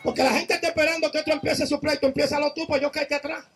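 A man preaching a fervent Pentecostal sermon, shouting exhortations and calling out praise again and again. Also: very high-pitched, level tone, quick pace, faint music behind.

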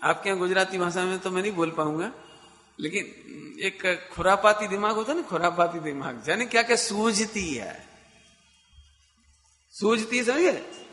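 A man's voice: high voice, expressive, pushed and bright, in a large hall. A man giving a spiritual discourse to a live audience as a Jain teacher, who keeps asking his listeners questions and answering them himself. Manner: chants scripture lines slowly.

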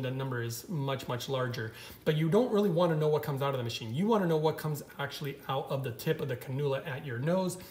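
An eager man narrates from off camera, walking viewers through pictures on a screen in a slightly high voice. His explanations come with a keen, selling energy. The room around him is bare and echoey. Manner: enthusiastic, explanatory, calls viewers guys. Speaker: vlogger.

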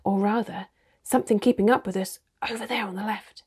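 A woman reading the lines of a gruff, blunt male dwarf soldier in a storybook, with a practical, grumbling manner. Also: mid-range voice, steady tone, brisk, a little mellow. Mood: hushed.

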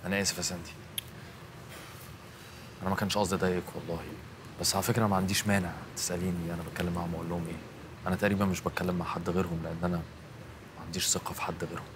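A man's voice: sits low, level tone, racing, long pauses, noisy background, lightly acted. An actor playing a nosy, chatty and sentimental man, speaking with an Egyptian accent. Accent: Egyptian Arabic.

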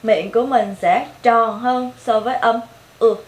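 A young woman with a Vietnamese accent teaching English pronunciation, modeling each sound clearly and repeating every word several times. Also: fairly high pitch, fairly even intonation, a little slow, echoey room. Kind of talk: pronunciation lesson with repeated drill words.

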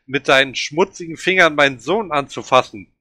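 Ein Mann liest einen brutalen, kalt drohenden Vater in einem vorgelesenen Roman. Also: male voice, fairly high pitch, normal speed, pushed and bright, no room sound, clean studio sound, pitched above the performer's own voice. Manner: cold, threatening. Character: brutal menacing father, a killer.

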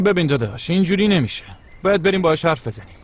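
A man's voice: on the high side, sing-song. A man dubbing a bossy but caring young man friend in a TV comedy drama, chatty and brotherly. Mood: urging.

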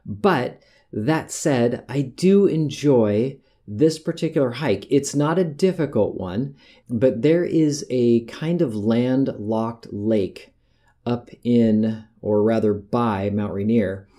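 Rambling, mellow-voiced middle-aged man. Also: mid-range voice, slow. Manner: rambling, conversational, self-correcting. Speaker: podcast host. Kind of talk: casual monologue.

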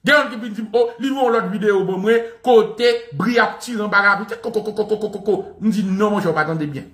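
A man giving animated, satirical commentary, mocking as he talks, laughing often and imitating bangs and gunshots. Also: high-pitched, fairly quick. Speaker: online commentator. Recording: echoey room.

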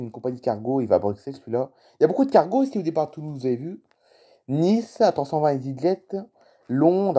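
A man's voice: mid-range voice, mellow. A man commenting casually on a live flight-tracking map, reading out cities and plane types and chatting to viewers. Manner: puzzled by unfamiliar place names. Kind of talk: casual screen-recording commentary.

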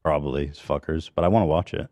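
A man's voice: rumbling low, steady tone, fast talker, a little mellow. A man in his thirties co-hosting a casual comedy commentary show, mocking and profane, on a studio microphone. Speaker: podcast co-host. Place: podcast studio, indoors. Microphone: studio microphone on boom arm.

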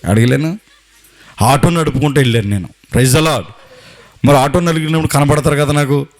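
A pastor with a gravelly, slightly high voice and a Telugu accent from Andhra delivers a Sunday sermon. He scolds his flock, fires off rhetorical questions and tells everyday stories to drive the point home. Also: fairly quick.

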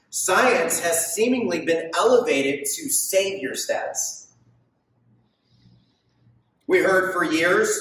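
A pastor in his thirties stands on stage in a large hall, preaching forcefully, asking his listeners questions and gesturing widely. His voice is high and a bit bright, and it comes through a distant microphone in a strongly echoing space.

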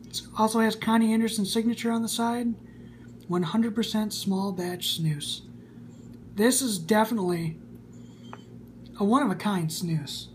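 A man in his twenties with a high, darkish voice reviews snus casually and enthusiastically. He films on a camera in a small indoor room, with a faint hum in the background.

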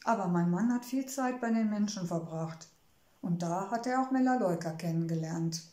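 Woman reading as a gentle motherly gnome wife. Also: medium pitch, moderate pace, close to an everyday voice. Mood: wistful. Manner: gentle, wistful, soothing. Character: kindly motherly female gnome, homebody. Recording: roomy echo.

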